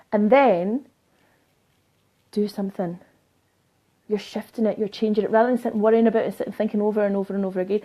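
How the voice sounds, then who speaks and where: A woman's voice: medium pitch, dark tone. A woman life coach giving a live motivational talk to viewers, emphatic and fond of repeating phrases for effect.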